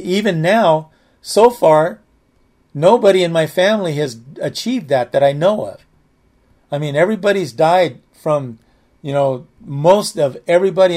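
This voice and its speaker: A man in his late sixties gives a verse-by-verse Bible teaching. His voice sits a little higher than most men's, and he talks in a loose, chatty way, circling back and restarting sentences as he goes. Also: warm tone. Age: 60s. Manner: conversational, repeats himself, restarts phrases. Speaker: pastor.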